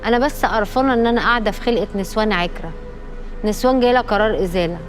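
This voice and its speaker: A woman's voice: mid-range voice, racing, faint music behind, lightly acted. An actress playing a defiant young wife taunting her captors in an Egyptian TV drama, with an Egyptian accent. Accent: Egyptian Arabic. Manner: defiant, sarcastic.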